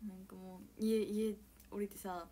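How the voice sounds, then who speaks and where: A young woman from Okayama with an Okayama accent, chatting casually on a live stream and reading out comments, swinging between squealing shouts, giggles and soft whispers. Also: mid-range voice, flat delivery, unhurried, a little hiss or hum. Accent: Okayama Japanese. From Okayama, Japan.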